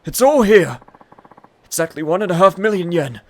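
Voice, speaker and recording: A man's voice: high-pitched, expressive, moderate pace, a little mellow, voice pushed up. A man voicing a stubborn, anxious elderly father in video game dialogue, urgent and pleading. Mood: urgent, insistent. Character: spry, anxious, stubborn old Japanese father. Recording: music behind the voice.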